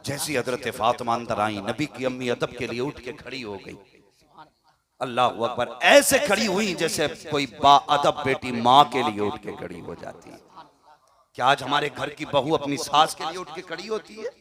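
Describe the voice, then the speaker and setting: A man preaching a sermon, telling a story, dropping to a hush and rising to a shout. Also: mid-range voice, expressive, normal speed, crowd noise. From India. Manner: dramatic, swings from hushed to shouting.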